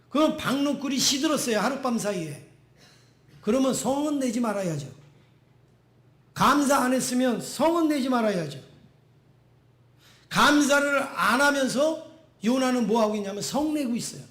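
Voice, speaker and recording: A man with a high-pitched voice preaches a Sunday sermon, pressing his points by repeating short phrases over and over. His voice rings out through an echoey church room. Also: fairly bright tone. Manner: emphatic, repeats phrases for stress. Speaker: pastor. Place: church sanctuary.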